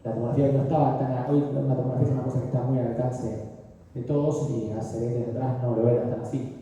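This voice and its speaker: A man's voice: mid-range voice, fairly even intonation, fast, dark tone. An older man giving a medical radiology lecture, explaining slides and often checking that his students follow. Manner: explanatory, frequently checks understanding with "¿sí?". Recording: distant, dull echoey room.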